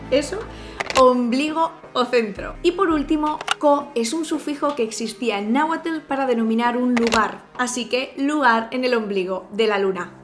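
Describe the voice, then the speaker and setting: A woman from Spain with a Peninsular Spanish accent, explaining language in a cheerful, expressive, chatty vlog style. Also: fairly high pitch, moderate pace. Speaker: language YouTuber. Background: background music.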